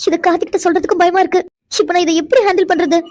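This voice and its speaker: A timid young village girl from a cartoon, voiced by a woman. She stammers and pleads in a very high, quick voice. The recording is dry and close. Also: steady tone, a little mellow, no room sound. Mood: frightened. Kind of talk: cartoon voice acting.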